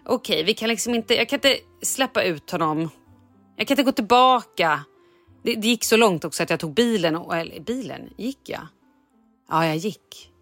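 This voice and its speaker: A woman's voice: mid-range voice, animated, a bit bright, soft background music. A woman hosting a podcast in casual chat, telling a story with animation and acting out her own lines. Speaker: podcast host.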